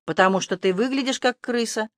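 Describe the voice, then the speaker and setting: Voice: mid-range voice, a little fast, fairly bright tone, no echo, clean studio sound, natural voice. An audiobook narrator voicing a wary, prickly young village girl who speaks indignantly. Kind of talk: audiobook character voice.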